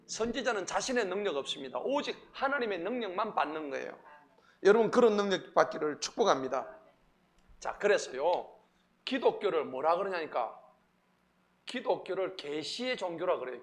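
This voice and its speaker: A pastor preaching a Wednesday sermon in a church, animated, quizzing the congregation and acting out the Bible figures. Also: male voice, high voice. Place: church sanctuary.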